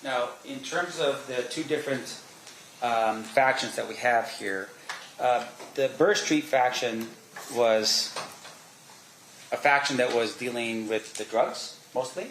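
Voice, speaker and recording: Male attorney in cross examination, halting leading questions, mid-pitched, roomy sound with slight noise. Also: a bit bright. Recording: roomy echo, faint background noise.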